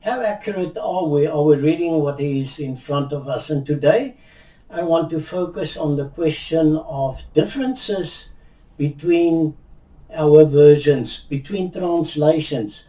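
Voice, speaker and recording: Slow and mellow, an older man with Afrikaans as his first language teaches the Bible on video, indoors in front of a virtual backdrop. His somewhat high voice is measured and reflective, with frequent restarts and gestures. He sounds far from the mic, wrapped in room echo.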